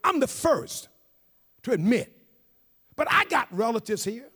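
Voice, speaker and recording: A man with a notably high voice preaches to his congregation, moving from steady scripture reading into rising, shouted, sing-song delivery. His voice rings out through a church with a long, echoing reverb. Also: unhurried, slightly rough. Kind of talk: sermon. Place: church service.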